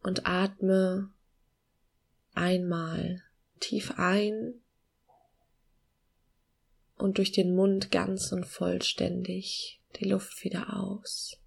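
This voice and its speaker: A woman guiding a meditation in a soft, hushed, soothing near-whisper with long pauses and a breathy voice. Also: mid-range voice, level tone. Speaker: podcast host guiding a meditation.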